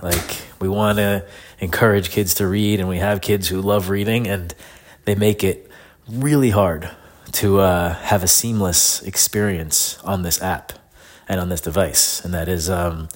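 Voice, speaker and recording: A man's voice: low voice, steady tone, unhurried. A middle-aged man with a grating voice from a head cold and sore throat, casually ranting in an informal, frustrated way as a solo podcast host. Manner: informal, frustrated complaining with swearing. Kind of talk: casual solo rant, diary-like.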